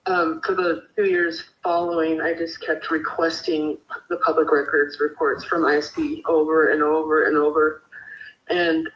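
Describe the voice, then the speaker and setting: A woman's voice: deep voice, flat delivery, moderate pace. A woman being interviewed over a speakerphone, speaking hesitantly with many fillers. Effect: heard over a speakerphone. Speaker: interviewee, mother of the deceased. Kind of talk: remote interview. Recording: echoey speakerphone with faint hiss.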